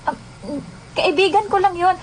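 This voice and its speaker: A woman's voice: very high voice, steady tone, moderate pace, a little hiss or hum. A woman playing a hesitant, stammering young mistress in a radio drama.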